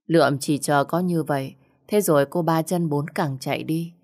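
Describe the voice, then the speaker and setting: A woman with a deep warm voice, reading a short story in slow, heartfelt narration. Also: steady tone.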